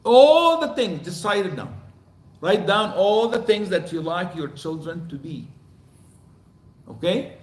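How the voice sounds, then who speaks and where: An older man with a high-pitched voice lectures a congregation in a mosque hall, lively and quizzing his listeners with repeated questions. The sound rings around an echoey hall. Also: slow, long pauses. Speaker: mosque speaker.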